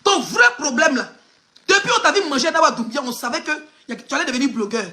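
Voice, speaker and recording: Fast, high, bright Ivorian woman ranting. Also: big pitch swings. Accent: Ivorian French. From Côte d'Ivoire. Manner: emphatic, mocking, talks straight at the person she criticizes, laughs often. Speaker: online gossip blogger. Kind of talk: live video commentary.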